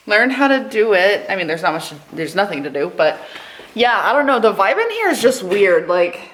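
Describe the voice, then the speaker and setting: A woman's voice: mid-range voice, sing-song, normal speed, a bit bright, slight background noise. A woman talking casually and tentatively as she co-hosts a paranormal investigation vlog. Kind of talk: casual ghost-hunt vlog talk. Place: echoey basement of an old jail. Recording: very echoey room.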